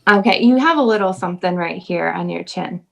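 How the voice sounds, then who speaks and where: Gravelly woman trading deadpan insults. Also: lowish voice, fairly quick, low-quality recording. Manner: deadpan, mock-sweet insults. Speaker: roast contestant. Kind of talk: insult comedy roast. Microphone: video call.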